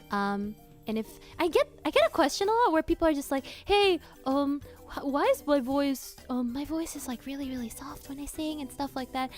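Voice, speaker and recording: Bubbly, giggly woman streamer, light voice. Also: fairly high pitch. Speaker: cover singer and streamer. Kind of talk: casual livestream Q&A.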